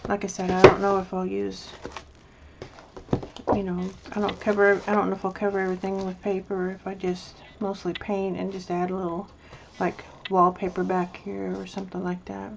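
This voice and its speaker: Gravelly, flat-toned woman crafting vlogger. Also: medium pitch, normal speed, lo-fi sound, background noise. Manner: rambling, hesitant, chatty with many restarts. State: mouth full of candy. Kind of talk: casual show-and-tell craft video.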